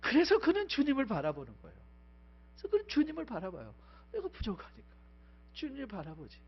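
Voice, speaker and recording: High-pitched Korean pastor preaching urgently. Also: male voice, huge pitch swings, fast talker, husky, muffled recording. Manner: swings from loud urgent exhortation to quiet confessional storytelling; mixes short English phrases into his speech. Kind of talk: sermon. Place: church sanctuary.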